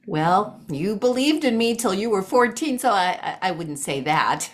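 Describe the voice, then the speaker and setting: A woman's voice: mid-range voice, lively intonation, normal speed, natural voice. Lady playing a nosy tooth fairy, chatty gossipy improv bit, normal middle voice. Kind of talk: improvised comic scene reading. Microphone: video call.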